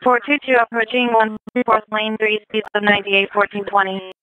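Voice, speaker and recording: Heard through noisy, clicking police scanner audio, a female radio dispatcher relays reports back in short, procedural phrases. Her mid-range voice is steady in tone and brisk.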